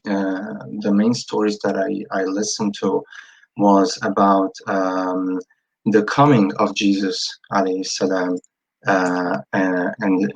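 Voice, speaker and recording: A man in his thirties from Italy, a guest telling his story in a casual interview, often pausing with fillers and restarting. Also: on the low side, vocal fry, slightly rough. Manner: hesitant, many fillers and restarts. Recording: dull lo-fi sound.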